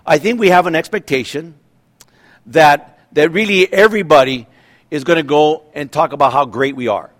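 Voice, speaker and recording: A man's voice: fairly high pitch, moderate pace, fairly bright tone. Conversational man in his fifties preaching. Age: 50s. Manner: conversational preaching with repeated restarts and rhetorical questions. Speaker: pastor. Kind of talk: sermon.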